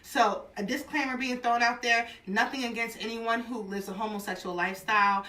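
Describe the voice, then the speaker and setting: A woman's voice: on the high side, steady tone, fairly quick, sharp tone, echoey room, far from the mic. A woman in her twenties hosting a radio talk show, chatting casually and bluntly, laughing often. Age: 20s.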